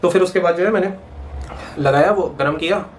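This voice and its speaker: A man's voice: high voice, slight background noise. A man, telling a casual story full of slang and swearing. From Punjab, India. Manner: rapid, slangy, swears freely. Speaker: vlogger, medical student.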